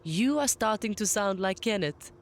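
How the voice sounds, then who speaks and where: A woman playing a gentle, reasonable ship doctor who talks calmly and considerately in a sci-fi audio drama. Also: medium pitch, moderate pace, slight background noise, close to an everyday voice. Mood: calm, apologetic. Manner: calm, considerate.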